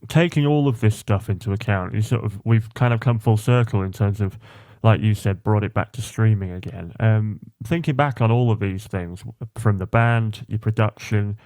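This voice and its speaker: A man hosting a podcast, heard close and dry with no room around him. His voice sits low, and he winds through long, loose questions full of fillers. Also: normal speed, a little mellow, no echo. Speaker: podcast host. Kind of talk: casual interview.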